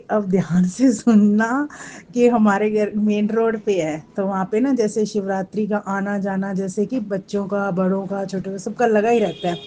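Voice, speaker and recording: A married woman speaks earnestly as she recounts a personal devotional experience, repeating her own words from past talks with family. Her voice sounds mellow and soft-edged. A faint hiss sits behind it. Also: mid-range voice. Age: adult, married with children. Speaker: devotee sharing a personal story. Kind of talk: spoken devotional testimony.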